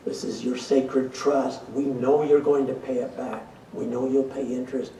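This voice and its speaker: A man's voice: mid-range voice, steady tone, normal speed, dark tone, a little hiss or hum. An older man giving a storytelling lecture with folksy, self-mocking humor. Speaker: professor giving a talk. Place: lecture hall. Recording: roomy hall, speaker distant from mic.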